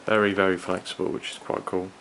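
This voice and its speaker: A man giving an unscripted hands-on product review in a hesitant, halting, rambling manner. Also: deep voice, little pitch movement, fairly bright tone. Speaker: gas mask collector and reviewer. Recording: clearly audible background noise.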